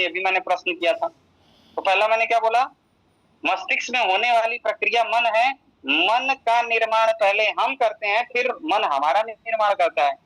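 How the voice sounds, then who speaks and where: Man, high-pitched, bright voice, teaching a spiritual lesson, repeats points, tinny phone-line sound. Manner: plain, repeats key points, checks understanding.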